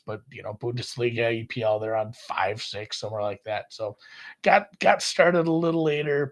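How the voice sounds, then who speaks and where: A man co-hosting a sports betting podcast, talking in a rambling casual way and correcting himself often. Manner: rambling, self-correcting, lively jumps in pitch. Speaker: podcast co-host.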